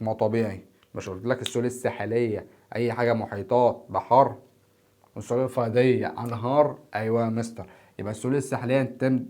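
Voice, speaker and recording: A tired Egyptian teacher talks fast while standing before a camera at four in the morning, teaching an exam-prep geography lesson. His male voice is medium-pitched and darkish, with an Egyptian Arabic accent, and he repeats key terms and answers his own questions.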